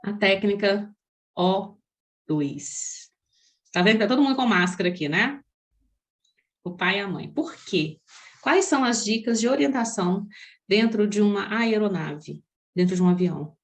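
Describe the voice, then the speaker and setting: A woman with a Brazilian accent, a parenting coach giving an expressive teaching talk that speaks straight to parents and asks them many questions. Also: mid-range voice, unhurried, pauses often. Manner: expressive, talks directly to parents.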